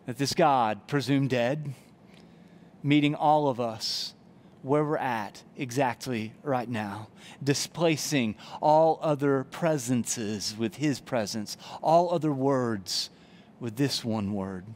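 Speaking slowly through a headset mic, a man in his forties delivers an earnest sermon as pastor of a church chapel, with a brick wall behind him indoors. His medium-pitched voice has a darkish tone, and there is a little hiss or hum. He gestures broadly while preaching.

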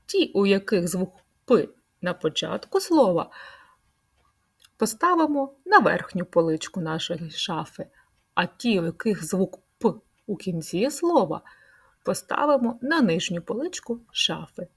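A woman leading a speech-sound lesson for preschool children, stretching out words in a slow, sing-song way. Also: mid-range voice, big pitch swings, breathy edge. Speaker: preschool teacher.

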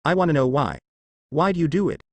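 A man's voice: fairly high pitch, lively intonation, brisk, dry recording, pitched above the performer's own voice. Man reading as an intense young man, earnest, angry.

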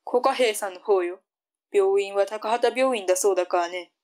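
A woman's voice: medium pitch, normal speed, a little mellow, close to an everyday voice. A woman playing a strict, bossy mother in a tongue-twister audio drama. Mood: instructing.

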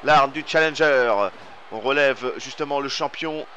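A man with a French accent giving excited play-by-play commentary over a wrestling video game, rising to shouts on big moves. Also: mid-range voice, moderate pace, lo-fi sound, a little hiss or hum.

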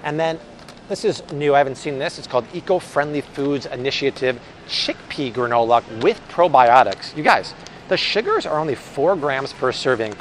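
An upbeat, chatty American man in his thirties hosts a vlog in a large indoor supermarket aisle, giving a casual, enthusiastic product review. His medium-pitched voice is lively and moves at a normal speed, with store ambience and hum clearly audible.

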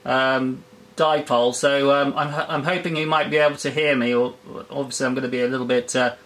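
A man's voice: mid-range voice, fairly even intonation, fairly quick, fairly bright tone. A man speaking on air over a homebuilt transmitter, his voice coming through a scratchy carbon microphone with hesitant call-sign talk. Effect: scratchy carbon microphone audio. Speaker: amateur radio operator. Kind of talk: on-air radio exchange.

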